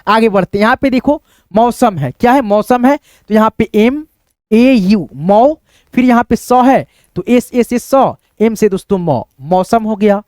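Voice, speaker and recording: A man's voice: high-pitched, lively intonation, measured pace, darkish tone, no echo. Patient male teacher, dry close sound. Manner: patient, repeats "ok" and "friends" as he goes; thinks aloud while writing on a board or screen. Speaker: English teacher. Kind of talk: step-by-step spelling lesson.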